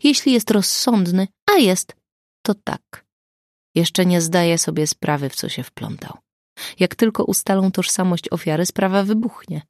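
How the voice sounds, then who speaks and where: Woman narrator doing a decisive female friend: low, gravelly, brisk and assertive, dry close audiobook sound. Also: animated, a little mellow, no echo. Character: sharp, decisive woman friend taking charge.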